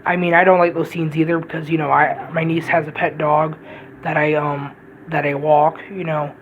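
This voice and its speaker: A woman's voice: sits low, flat delivery, normal speed, narrow, tinny audio, a little hiss or hum. A woman giving a casual, rambling movie review, blunt and profane, often restarting her sentences.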